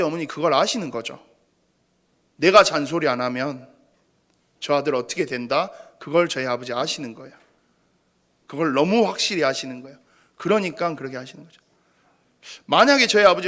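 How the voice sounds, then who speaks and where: Korean pastor with a higher voice, storytelling. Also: male voice, a bit bright. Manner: conversational, self-deprecating storytelling with sighs and fillers. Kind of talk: sermon with personal story.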